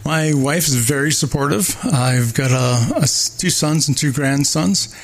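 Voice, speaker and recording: An older man from Barbados, a mayoral candidate, answering interview questions with many pauses, fillers and restarts. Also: a little high.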